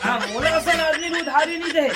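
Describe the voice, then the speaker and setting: A man's voice: very high voice, normal speed, over loud music. A man playing a belligerent, boastful village customer in a comedy skit, with a Chhattisgarhi accent and a repetitive, blustering way of talking. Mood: indignant, threatening. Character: belligerent male village customer demanding credit, boastful nephew.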